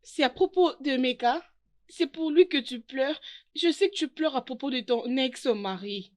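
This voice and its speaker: A woman dubbing a hot-tempered young bride, later a caring sister, in a French-dubbed film drama, scolding in sharp outbursts. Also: sits high, normal speed, close to an everyday voice. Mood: coaxing.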